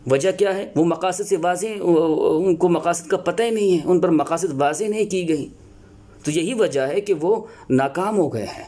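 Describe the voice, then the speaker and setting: Earnest male teacher, mellow voice. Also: high voice. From Pakistan. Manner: earnest, explanatory, with many filler pauses and restarts. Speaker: Urdu teacher. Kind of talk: spoken lecture on teaching Urdu.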